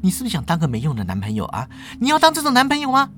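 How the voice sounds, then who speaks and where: A storyteller voicing a petulant young woman student who argues fast and defensively. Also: mid-range voice, sing-song, soft background music, pitched above the performer's own voice, natural voice.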